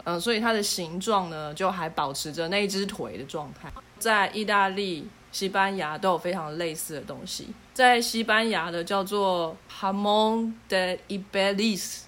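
Brief: middle-pitched woman host, casual and teasing. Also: a bit bright. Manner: explanatory, playful, teasing co-host. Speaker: podcast host. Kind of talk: casual podcast chat.

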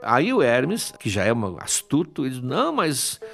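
Gravelly, lively male storyteller. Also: medium pitch, normal speed, faint music behind. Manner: chatty, playful asides. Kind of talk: casual myth retelling.

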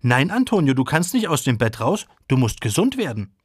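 Guy doing a bossy little girl in a storybook, high and bouncy, dry close sound. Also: sing-song, a little slow, fairly bright tone, no echo, exaggerated voice. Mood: girlish, earnest. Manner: bossy, earnest, a bit stammering. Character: young girl, firm and eager.

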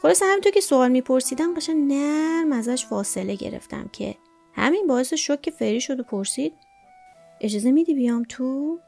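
A woman's voice: high voice, gravelly, darkish tone, faint music behind. A woman narrating a story in the first person in a wry, gossipy colloquial way.

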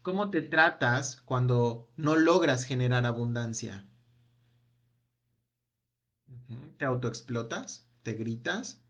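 A man leading a self-help workshop, asking a long run of gentle reflective questions that trail off with a quiet "no?". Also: mid-range voice, takes it slowly, pauses often. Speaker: workshop speaker.

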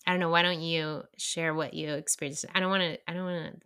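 A young woman co-hosting a podcast in casual chat, earnest and halting, with many fillers and restarts. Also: deep voice, steady tone, pushed and bright, clean tone. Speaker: podcast co-host.

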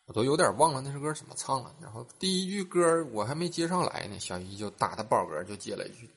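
A man telling a string of short funny stories in a casual way, laughing loudly at his own punchlines. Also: medium pitch, lively intonation, fast, slightly rough. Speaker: joke teller. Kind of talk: casual joke storytelling.

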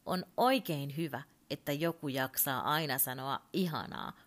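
A woman voicing a male toy bear who patiently explains things, his voice climbing higher. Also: natural voice. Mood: explaining. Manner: explains, growing exasperated and shrill.

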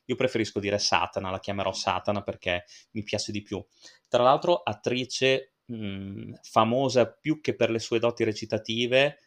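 A man's voice: on the low side, fairly bright tone. A man hosting a film-review podcast, talking casually and digressively with frequent fillers and asides. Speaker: podcast host reviewing films.

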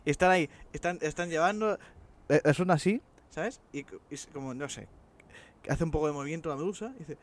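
Male co-host, excitable, rapid talker, high voice. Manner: excitable, laughs often, says "sabes". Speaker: podcast co-host. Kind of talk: casual chat.

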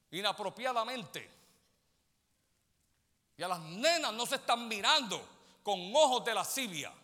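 A man preaching, his voice high, bright and swinging widely in pitch. He keeps turning to the congregation with direct questions. The sound carries a long church-hall reverb. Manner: animated preaching, often calls listeners "brother" and checks they follow. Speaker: pastor. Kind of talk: sermon. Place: church sanctuary.

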